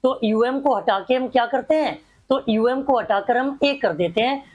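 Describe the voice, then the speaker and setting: A woman's voice: fairly high pitch, moderate pace, a little mellow. A woman teaching a grammar class, drilling examples one by one and asking rhetorical questions that she answers herself.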